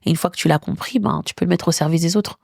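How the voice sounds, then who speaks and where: A woman in her thirties from Belgium talks about her work in a relaxed interview. Her voice sits a little low, and she speaks animatedly with frequent laughter. The recording is dry and close, with no room sound. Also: fast talker, gravelly, dry recording. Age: 30s. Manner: animated, laughs often, mixes in English phrases. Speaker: entrepreneur guest. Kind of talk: casual interview conversation.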